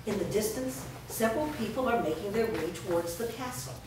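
A woman with a mid-range, animated and brisk voice narrates a staged play reading, reading out the directions before a small audience. A distant camera picks her up in a large, bare, noisy room full of echo.

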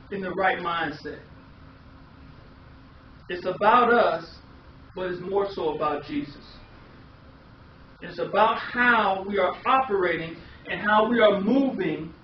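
A middle-aged American man preaches a sermon emphatically, using repeated phrases and rhetorical questions, his voice sitting high and unhurried with long pauses. He is in a small indoor room, picked up by a distant camera microphone. The audio is echoey, muffled and distant, with hiss.

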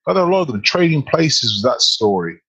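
A man co-hosting a podcast as a speaking coach, talking in an animated, emphatic way with lots of rhetorical questions. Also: mid-range voice, fast talker, breathy edge, low-quality recording. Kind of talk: casual podcast chat.

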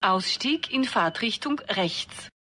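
Woman, train announcement, breathy, slow and measured, somewhat high. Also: animated, pushed and bright. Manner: formal, evenly paced announcement delivery.

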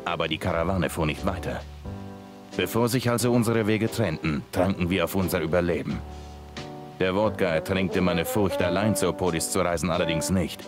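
A weary young survivor tells of his journey in a deep, calm voice, as a man voices him. It is scripted game narration with music running underneath. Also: moderate pace, lightly acted. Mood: reflective.

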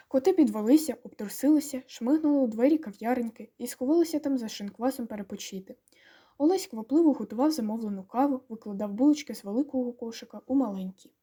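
A woman narrating an audiobook with lively, expressive storytelling. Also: high voice, husky.

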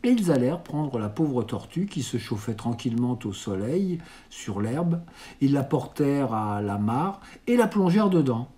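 A man reading a classic children's novel aloud in a steady, even storytelling manner. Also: mid-range voice, moderate pace. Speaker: reader.

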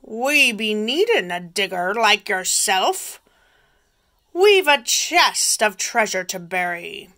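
A woman voicing a loud, gruff male pirate captain in a picture book read aloud to children, with drawn-out pirate talk. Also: mid-range voice, sing-song, heavily acted. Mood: booming. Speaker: teacher.

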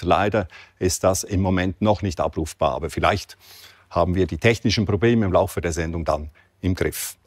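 A man's voice: medium pitch, dry recording. A middle-aged man presenting TV news in a studio, composed through a newsroom blooper. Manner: newsroom blooper, composed apology for missing picture.

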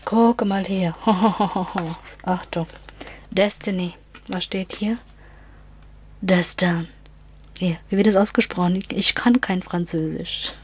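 A woman's voice: fairly low pitch, slightly rough. A woman giving a casual spiritual reading to her viewers. She often drops into a whisper, repeats words and slips in English phrases. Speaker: astrology and card reader.

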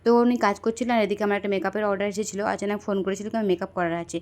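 A woman's voice: mid-range voice, fairly even intonation, racing, a little mellow. A young woman vlogging in a chatty, rambling way, filming on a phone outdoors near a station at night. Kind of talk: casual vlog narration.

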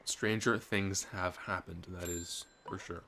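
This gaming channel host offers relaxed, upbeat commentary on the game he's playing, sprinkling in gamer slang. He talks a little slowly in a low voice with fairly even intonation, and game music plus background noise can be heard.

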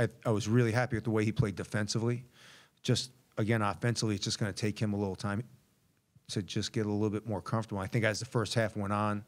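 A middle-aged man, a basketball head coach, answering reporters candidly at a postgame press conference, repeating words as he thinks, into a table mic. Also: lowish voice.

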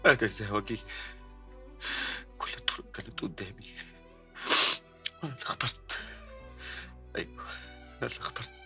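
An actor playing a guilt-ridden man facing execution, confessing his betrayals to a friend in halting, despairing Egyptian Arabic. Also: a little high, very animated, bright, forceful tone, soft background music, full character voice. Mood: anguished.

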